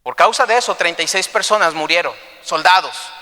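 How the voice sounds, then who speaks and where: Brief: fervent male pastor, bright, ringing church sound. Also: sits high, a little fast, in a large hall. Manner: impassioned, dramatic storytelling. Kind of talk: sermon.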